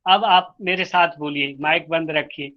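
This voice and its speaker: Man slowly chanting Sanskrit sutras. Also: on the high side, muffled recording. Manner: chants sutras slowly word by word, then explains quickly; strict about pronunciation, corrects students. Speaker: yoga teacher. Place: online class over video call.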